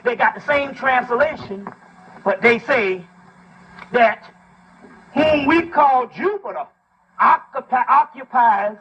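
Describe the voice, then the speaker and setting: A man with a very high-pitched, husky, fairly bright voice gives a fiery, informal lecture at a slow pace with long pauses, on poor audio. Reading from a text, he explains it emphatically, swearing freely and asking rhetorical questions like a preacher.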